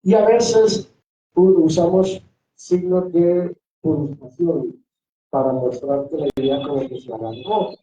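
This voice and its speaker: A man's voice: fairly high pitch, slow, warm tone, a little hiss or hum. A man, a pastor, teaching a Bible workshop to a class and repeating rhetorical questions to his students. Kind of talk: classroom lecture. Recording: echoey room, distant dull lo-fi mic.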